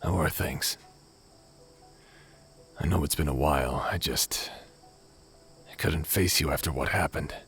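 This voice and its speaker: In a dramatic sci-fi audio roleplay, a man voices a remorseful former space pirate captain who is also an awkward brother. His bass voice has a fairly bright tone, with faint music behind. The mood is tender and awkward, and he delivers his lines haltingly, sighing and hesitating.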